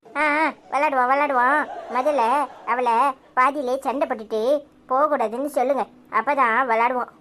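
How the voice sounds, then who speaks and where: A woman's voice: high voice, steady tone, brisk, a bit bright. A woman voicing a bossy, sulky little village girl in a cartoon, with a Tirunelveli Tamil accent. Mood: complaining. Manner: coaxing, complaining. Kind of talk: cartoon voice acting.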